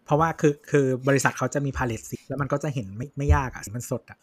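A man's voice: medium pitch, fairly even intonation, fast, slightly rough. A man co-hosting a podcast in casual chat, blunt and slangy. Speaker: podcast co-host.

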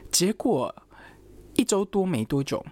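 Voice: medium pitch, sing-song, a little slow, a little mellow, no echo. A young adult student, casually telling a personal story and stringing thoughts together with fillers. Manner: chatty, quotes others, lots of fillers like "然后" and "anyway".

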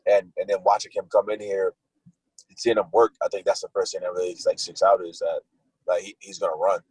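A man's voice: sits low, flat delivery, fairly quick, a little mellow, husky, no room sound, low-quality recording. A young man, a football wide receiver, answering interview questions in a casual, laid-back way, full of likes and restarts.

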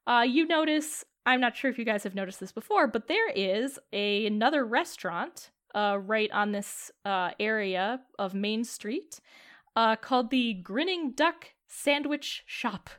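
A woman's voice: a little high, expressive, measured pace, a bit bright. A woman narrating a tabletop game as game master, chatty, with many fillers.

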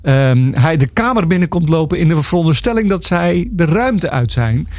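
A man's voice: fairly high pitch, animated, moderate pace, a little mellow, no room sound, studio quality. A middle-aged man, an author, talking as a guest in a radio interview, hesitant and full of filler sounds and restarts.

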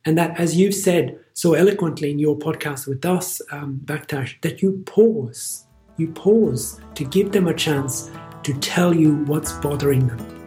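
A man's voice: a little high, unhurried, mellow, faint music behind. A middle-aged man with an Irish accent, a physician guest on a podcast interview, speaking earnestly and stressing his points through repetition. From Ireland.

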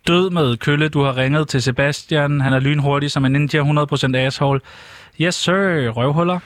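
A man's voice: a little high, close to an everyday voice. A man voicing a brash, crude male hippo puppet recording a phone greeting.

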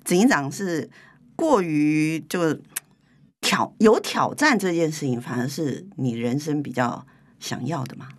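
A woman hosts a conversational interview in a studio. Her voice sits low and has a husky grain, with animated swings in intonation as she sums up and asks questions. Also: measured pace. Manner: frequent short listening acknowledgements. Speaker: interview host. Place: recording studio.

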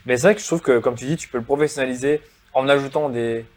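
A man hosting a casual conversational interview, asking questions and quickly chiming in with agreement. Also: mid-range voice, slight background noise. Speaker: podcast host.

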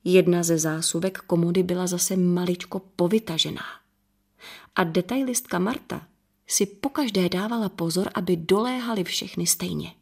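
A woman narrating an audiobook in a calm, measured reading voice. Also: lowish voice, vocal fry, slightly rough.

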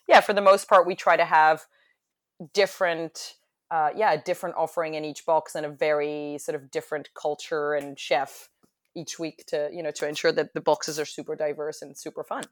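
Guest: young woman, American accent, chatty, a little low-pitched. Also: little pitch movement, normal speed. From France. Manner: chatty, with frequent fillers and restarts. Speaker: guest, hospitality business owner. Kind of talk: casual conversational interview.

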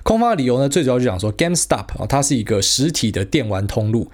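Fast, slangy Taiwanese man. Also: medium pitch, sing-song. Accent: Taiwanese Mandarin. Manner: fast, slangy and blunt, with frequent fillers and mild swearing. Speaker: podcast host. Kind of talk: casual solo market commentary.

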